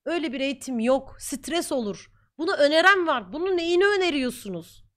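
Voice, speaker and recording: A woman's voice: sits high, expressive, a little fast, a bit bright. A young woman streamer talking casually to her viewers, heated and ranting at times. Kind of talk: casual chat.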